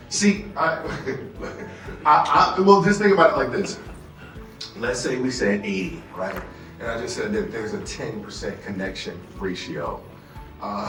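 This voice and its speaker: In a fairly low, somewhat bright voice at an ordinary pace, an American motivational trainer guides an interactive sales workshop and often asks in with his audience. The sound is echoey and distant, with faint music behind it.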